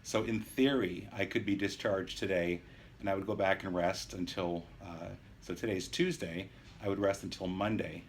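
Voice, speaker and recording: Low-voiced man in his fifties, noisy room. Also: fairly even intonation, moderate pace. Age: early 50s. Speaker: patient sharing his surgery experience. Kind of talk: casual video diary, explanatory. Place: private hospital room.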